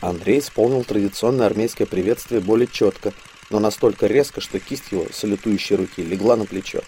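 A man reading a military sci-fi novel aloud in steady, measured scripted narration. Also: on the low side, slight background noise. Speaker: audiobook narrator.

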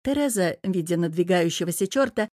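A woman reading an audiobook in scripted narration, with an expressive storytelling manner into a close mic. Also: on the low side, brisk, no echo.

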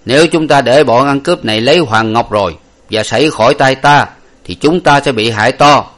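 A man voicing a priest who gives a slow, solemn warning. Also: mid-range voice, a bit bright, voice pushed up, close to an everyday voice. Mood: grave. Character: old male priest, grave warning.

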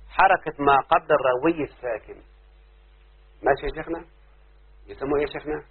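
An Egyptian Arabic-accented sheikh gives a classroom lecture on Arabic rhyme in a slightly high, breathy-edged voice. He keeps testing his students with repeated questions, and the audio is a very tinny lo-fi recording.

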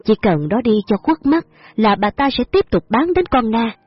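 Woman storyteller, husky, fairly high voice, dry close sound, dull lo-fi, faint music. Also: big pitch swings, moderate pace, no echo. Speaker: narrator. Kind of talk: storytelling narration.

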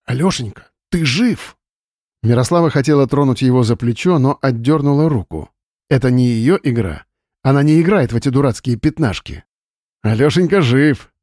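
A man narrating an audiobook in an even, measured reading style on a close mic. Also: medium pitch, no room sound. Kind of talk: scripted narration.

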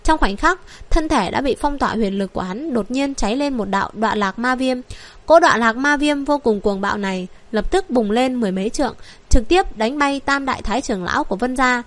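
A woman narrating a fantasy novel in steady, even scripted reading. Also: fairly high pitch, fairly quick. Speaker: audiobook narrator.

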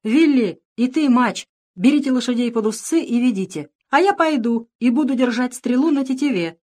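Lady doing a big loud outlaw guy, teasing and threatening, voice pushed high. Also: expressive, normal speed. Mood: brash. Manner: sneering, loud. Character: big brash male outlaw, mocking and threatening.

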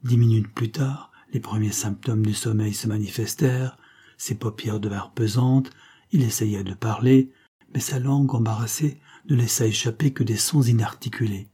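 A man narrating an old novel in a measured, dramatic audiobook reading. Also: lowish voice, steady tone, warm tone, breathy edge.

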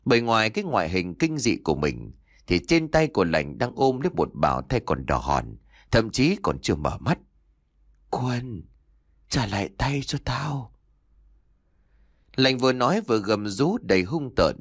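Expressive male audiobook narrator. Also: on the low side, brisk, dry recording, clean studio sound. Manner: dramatic, expressive storytelling. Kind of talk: scripted narration.

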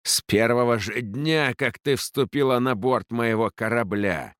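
A man's voice: mid-range voice, measured pace, a bit bright, no echo, studio quality, pitched above the performer's own voice, lightly acted. A man reading an audiobook, voicing an old ship captain who is a cowardly traitor, whining and sobbing as he pleads. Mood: pleading. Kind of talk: audiobook character voice.

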